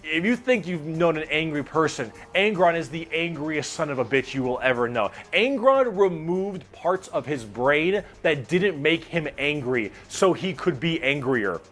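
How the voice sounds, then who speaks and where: A man's voice: fairly high pitch, animated, measured pace, fairly bright tone, soft background music. A man streaming, casually explaining game lore in a loose, profane way and reading chat messages aloud.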